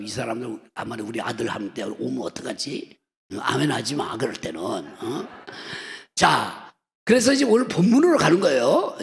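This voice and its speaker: A man's voice: medium pitch, creaky, fairly bright tone. A man in his sixties preaching a humorous revival sermon in a church, joking and slipping into dialect impressions. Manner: joking storyteller who slips into dialect impressions. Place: church sanctuary. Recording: long church-hall reverb.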